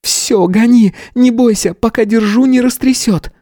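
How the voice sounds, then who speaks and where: A woman's voice: mid-range voice, steady tone, measured pace, dark tone, dry recording, clean studio sound, voice pushed up. A man voicing a young woman who is a witch, giving urgent, clipped orders in an audiobook. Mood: commanding.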